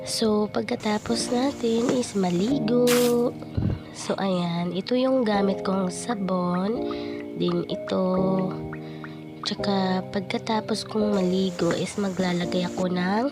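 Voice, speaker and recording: A woman with a cold and a cough, speaking through a voice changer that pitches her voice down. She chats casually to viewers while narrating a morning routine. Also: slow. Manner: chatty, addresses viewers as guys. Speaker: vlogger. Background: loud background music.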